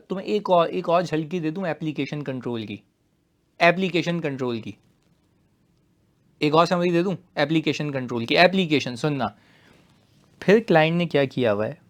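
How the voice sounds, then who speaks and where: A male teacher with a slightly high voice, running a live online class. He is playful and teasing with his students, jumping from loud emphasis to quiet asides. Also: moderate pace, long pauses.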